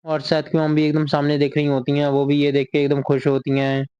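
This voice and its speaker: A man's voice: a little high, completely flat delivery, fairly quick, dark tone, clean tone, dry recording, dull audio. A man casually retelling a manga chapter as a recap narrator. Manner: reads character lines in the same plain voice.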